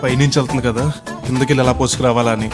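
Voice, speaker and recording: An actor playing a naive, middle-aged village man on his first flight, loud and rustic, mangling English words. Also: mid-range voice, little pitch movement, very fast, close to an everyday voice. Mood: chatty. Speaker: actor in a film comedy scene. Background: film background music.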